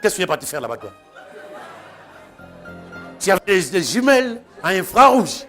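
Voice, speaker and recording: A male pastor preaching a sermon, animated and quick to act out the voices of the people he quotes. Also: high-pitched, faint music behind.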